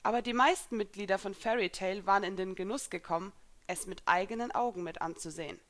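A woman reading first-person fan fiction aloud in a calm, even storytelling voice. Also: medium pitch, fast talker, no echo.

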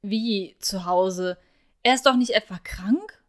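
A woman voicing a brisk, officious young witch who talks in a clipped, insistent way. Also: medium pitch, natural voice. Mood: alarmed.

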